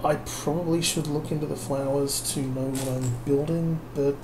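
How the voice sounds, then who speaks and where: A fairly high-pitched male voice with fairly even intonation and normal speed belongs to a tired vlogger who can't sleep. At home at night he builds a kit, rambling in a wry, self-mocking way and trailing off with fillers, captured in a noisy home recording.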